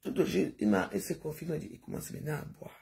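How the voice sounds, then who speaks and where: A woman's voice: sits low, steady tone, quick pace, gravelly, dark tone. An older woman chatting to her viewers in a rambling, digressive livestream monologue, sprinkling in sound-effect noises.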